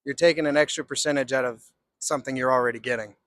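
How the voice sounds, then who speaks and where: A man's voice: medium pitch, steady tone, quick pace, fairly bright tone, dry recording, studio quality. A man from Texas with a Southern accent, chatting casually in a street interview in a folksy, hesitant way. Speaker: interviewee, construction laborer.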